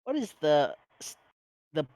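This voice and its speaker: A man's voice: a little high, big pitch swings, a little slow, darkish tone, dry recording. A man who streams, chatting casually with slang and swearing. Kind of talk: casual chat.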